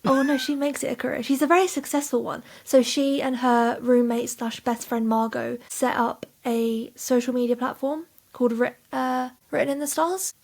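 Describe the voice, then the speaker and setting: A woman's voice: a little high, creaky, a little mellow. A woman co-hosting a podcast, chatting casually and recapping book plots at length. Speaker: podcast co-host. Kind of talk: casual chat about books.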